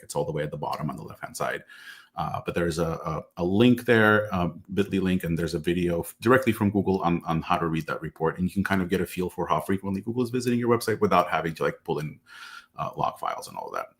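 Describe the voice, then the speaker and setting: A man hosting an interview show over a video call, casually recapping his guest's points with plenty of fillers. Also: low voice. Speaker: podcast host.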